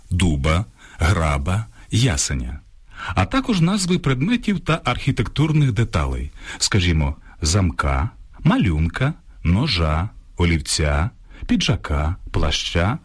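A man with a husky voice that swings widely up and down as he presents on the radio. He reads his script in a measured, deliberate way, pausing over each example word. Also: sits low. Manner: measured, lists examples slowly. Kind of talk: scripted educational radio talk. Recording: radio studio broadcast.

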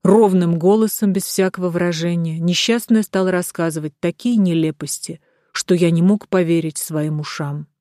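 Woman reading an audiobook, lowish voice, steady pace, dry close sound. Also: normal speed, few pauses, dry recording. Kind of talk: audiobook narration.

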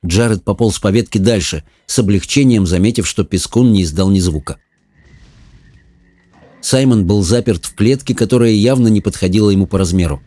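A man reading an audiobook in an even, measured manner. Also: on the low side, no echo, studio quality. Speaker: narrator. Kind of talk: audiobook narration.

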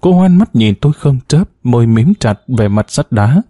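A man narrates a novel in the first person, in a somber and measured way. His voice is mellow and dark in tone, recorded close and dry with no room sound. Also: medium pitch, expressive, no room sound. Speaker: audiobook narrator.

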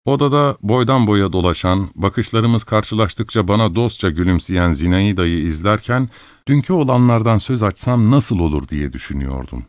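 Deep-voiced male audiobook narrator. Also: animated, moderate pace, dry recording. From Turkey.

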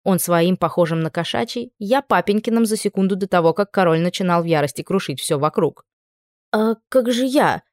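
A woman with a lowish voice reading a fantasy audiobook in the first person. Her reading is lively and expressive, and the recording is dry and close to the mic with no room echo. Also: a little fast, few pauses. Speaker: audiobook narrator.

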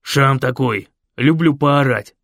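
A man voicing a loud, jolly bearded biker who has lost his dentures and lisps through mushy, toothless speech. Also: mid-range voice, slow, vocal fry, dry recording, studio quality. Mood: gleeful. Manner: shouting, boisterous, drawn out.

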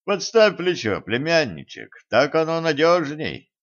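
A man's voice: fairly high pitch, big pitch swings, measured pace, fairly bright tone, pitched above the performer's own voice. A man reading the lines of a battered male boxer, Koschei, with dry, curt wisecracks. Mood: wry. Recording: dull lo-fi recording.

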